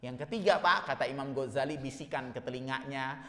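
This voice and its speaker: A male Islamic preacher delivering an emotional sermon, swinging from soft murmurs to loud exhortation. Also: mid-range voice, fairly quick, in a large hall.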